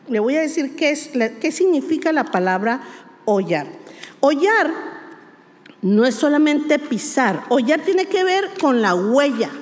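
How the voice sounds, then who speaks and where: A woman pastor preaches a sermon in a high voice. She hammers key words and throws rhetorical questions at her listeners. Her voice rings with a long hall reverb.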